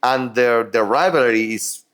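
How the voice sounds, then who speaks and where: A man's voice: medium pitch, unhurried, a bit bright. A man from Argentina speaking English with an Argentine Spanish accent as a native Spanish speaker. He co-hosts a casual chat, talking enthusiastically with stumbling restarts and frequent laughter.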